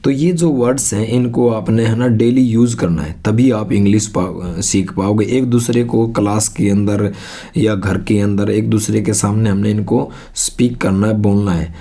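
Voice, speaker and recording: Man, low voice, warm dark tone, patient teacher, rhetorical questions, drill-style repetition. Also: fairly even intonation. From India. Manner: repeats each English phrase slowly, drill-like. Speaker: English teacher. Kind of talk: spoken language lesson.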